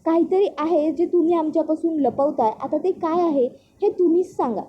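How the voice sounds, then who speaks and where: An earnest young wife pleads and reasons with her family, as a woman reading a serial recap puts her on. The voice is high and steady. The sound is slightly muffled. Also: brisk, slight background noise.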